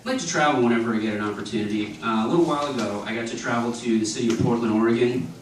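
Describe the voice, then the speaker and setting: A man doing a stand-up comedy set, delivering deadpan one-liners and chuckling at his own jokes. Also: mid-range voice, very fast. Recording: echoey club audio from a distance. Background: audience laughter and room noise.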